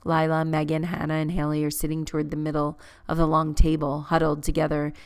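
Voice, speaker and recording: Woman narrator, low and smooth, measured first-person audiobook read. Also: monotone.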